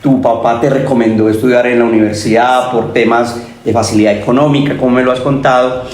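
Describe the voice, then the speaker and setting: A man's voice: mid-range voice, steady tone, a little fast, darkish tone. A man with a Colombian accent from Pereira hosting a conversational podcast interview as a university dean, friendly and affirming with short interjections. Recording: echoey room with faint ambience.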